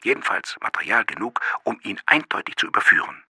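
A man reading an audiobook, voicing a rough, hoarse, pushy male police sergeant. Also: on the low side, lively intonation, fairly quick, pushed and bright, no echo, studio quality, voice pushed up, exaggerated voice. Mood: insistent.

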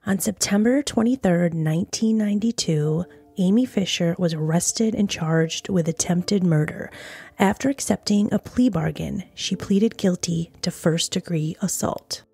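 A woman's voice: on the low side, measured pace, vocal fry, dark tone, husky, no echo, soft background music. A woman hosting a true crime podcast, narrating the case in a conversational storytelling way with casual asides. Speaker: podcast host.

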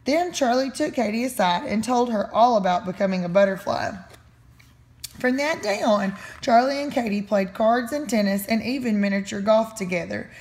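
A woman reads a children's story aloud with an expressive, fairly high voice. She stretches out key phrases for effect. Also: moderate pace. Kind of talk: storybook reading.

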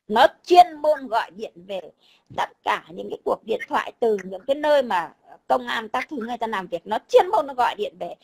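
Brief: woman, high voice, blunt and combative, salty language. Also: darkish tone, breathy edge, low-quality recording. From Vietnam. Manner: blunt, combative, swears, keeps repeating a tag word. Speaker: overseas Vietnamese guest. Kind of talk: casual chat.

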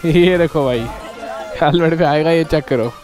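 A young man riding through city streets, narrating a casual vlog and calling out excitedly to his viewers. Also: a little high, normal speed, some chatter behind. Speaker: moto vlogger. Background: music.

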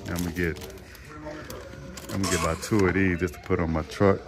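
A man's voice: low-pitched, level tone, brisk, noisy background. A man, an HVAC technician, casually vlogging his workday and talking to viewers as folks. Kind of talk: casual vlog narration. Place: on the go, store and truck.

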